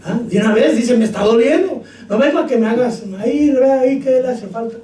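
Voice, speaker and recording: Shouting preacher in an echoey hall. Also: male voice, very high voice, fairly quick. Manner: shouts scripture, jokes with congregation. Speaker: pastor. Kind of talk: sermon. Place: church hall. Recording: echoey room, far from mic.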